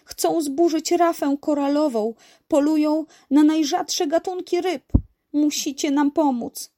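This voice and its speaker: A woman's voice: high-pitched, unhurried, dark tone, pitched above the performer's own voice. A woman voicing a frightened dolphin pleading urgently for help in a children's story.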